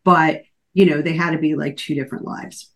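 A woman's voice: sits low, fairly even intonation, a little fast. A woman author in her forties talking casually as a podcast guest, chatty, with lots of fillers and restarts. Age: 40s. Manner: conversational, many fillers and restarts.

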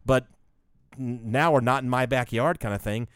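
A man's voice: mid-range voice, moderate pace, clean tone, no room sound, clean studio sound. A man in casual conversation who rambles and swears freely. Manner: rambling, profane, animated. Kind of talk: casual chat.

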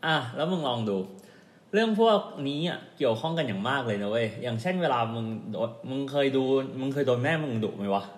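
A man's voice: medium pitch, animated, quick pace, echoey room. A man co-hosting a podcast in casual chat, talking in a blunt, teasing way. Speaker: podcast co-host.

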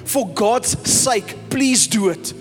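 A South African pastor preaching a sermon emphatically, sometimes mixing in Afrikaans phrases. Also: male voice, extremely high pitch, takes it slowly. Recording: reverberant hall with soft music.

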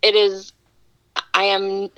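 A woman's voice: medium pitch, completely flat delivery, slow pace, bright, forceful tone, clear, resonant tone, poor audio. A woman talking as a podcast guest, explaining her work in an upbeat, casual way. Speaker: guest, wellness advocate. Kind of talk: casual interview chat.

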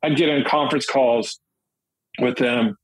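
Middle-aged man, husky voice, dry close sound, rambling interview guest, lots of restarts. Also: medium pitch, fairly even intonation, a little slow, no room sound, rough recording. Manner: rambling, with many restarts and fillers. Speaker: guest, commercial real estate dealmaker. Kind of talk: casual interview storytelling.

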